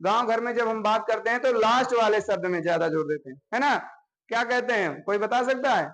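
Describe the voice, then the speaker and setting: High-voiced man teaching a class. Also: a little fast, fairly bright tone, poor audio. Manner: explains step by step, often checking with "है ना?". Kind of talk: classroom grammar lesson.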